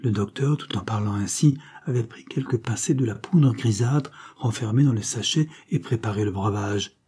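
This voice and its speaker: A man narrating an old novel in a measured, dramatic audiobook reading. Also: fairly low pitch, dark tone, breathy edge.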